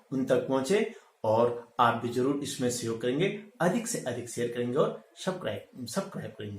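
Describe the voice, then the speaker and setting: A man teaching a pronunciation lesson to students, saying each sound slowly and repeating it for them to echo. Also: on the high side, darkish tone. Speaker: Hindi teacher. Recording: echoey room.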